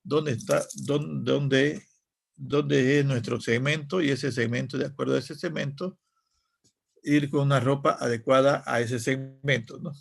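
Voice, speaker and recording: A male teacher lectures a sales class. His voice is deeply gravelly and husky. He tags almost every phrase with a little questioning check and often restarts words mid-thought. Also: fairly even intonation, measured pace. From Santa Cruz, Bolivia. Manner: ends nearly every phrase with a questioning tag, frequent restarts.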